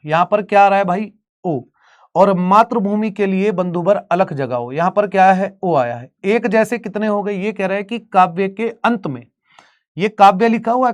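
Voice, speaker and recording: Man, Bihari accent, high-pitched, exam-prep teacher, step-by-step explaining. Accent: Bihari Hindi. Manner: explains step by step, asks students rhetorical questions. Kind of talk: exam-prep grammar lesson.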